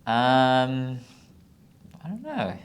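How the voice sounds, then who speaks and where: A man's voice: medium pitch, very animated, very slow, clean tone. A young man in his twenties from Zimbabwe, a podcast guest answering casually with lots of ums and short, trailing replies. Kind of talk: casual interview chat.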